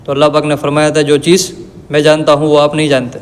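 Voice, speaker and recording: Flat-voiced man teaching scripture, reverberant. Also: a little high. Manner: recites Arabic verses slowly, then explains them in plain everyday terms. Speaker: Quran teacher. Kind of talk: religious lesson explaining verses. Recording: long reverb.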